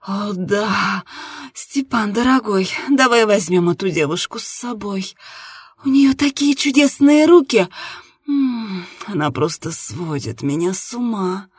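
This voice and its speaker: A woman's voice: mid-range voice, measured pace, few pauses, husky, dry recording. A woman voicing a confident, sensual woman in an adult audiobook, with a breathless, teasing delivery. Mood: passionate.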